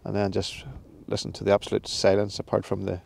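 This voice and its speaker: A man's voice: on the low side, completely flat delivery, a little fast, creaky, a little mellow. A man in his fifties chatting to a handheld camera on a windy mountain summit, laughing often and joking at his own expense. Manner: chatty, laughs often, self-deprecating jokes. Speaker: outdoor vlogger. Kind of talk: casual vlog to camera. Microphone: phone camera held at arm's length.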